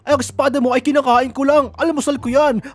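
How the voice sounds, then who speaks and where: A man giving playful, boastful gameplay commentary, shouting attack names and laughing often. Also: extremely high pitch, fairly even intonation, quick pace. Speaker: gamer. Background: game music.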